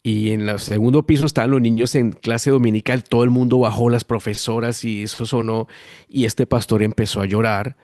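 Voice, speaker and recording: Colombian pastor in his 50s, Bogotá accent, animated testimony, dry close sound. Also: medium pitch, fairly quick, dry recording. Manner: lively animated storytelling, acting out quoted voices. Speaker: guest pastor. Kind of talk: storytelling testimony.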